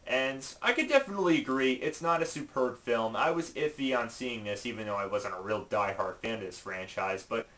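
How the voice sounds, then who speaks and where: A man counts down a top five list in a video, his mid-range voice bright and forceful. The commentary is informal, opinionated and emphatic, broken up by halting asides.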